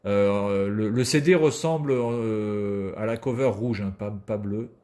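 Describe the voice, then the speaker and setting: A man's voice: lowish voice, takes it slowly, mellow. A man giving casual video game commentary as a streamer, sarcastic and swearing freely.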